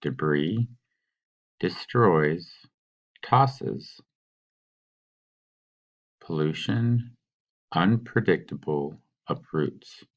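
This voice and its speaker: A man teaching, patiently talking students through a worksheet and sounding out words slowly. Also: deep voice, expressive, muffled recording. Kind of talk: recorded classroom walkthrough.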